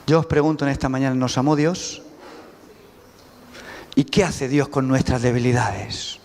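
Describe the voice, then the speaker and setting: Emphatic Spanish preacher in a reverberant church. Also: male voice, medium pitch, normal speed, creaky, a little mellow. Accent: Spanish from Spain. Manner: emphatic, asks the congregation rhetorical questions. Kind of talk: sermon. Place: church sanctuary. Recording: reverberant church hall with faint music.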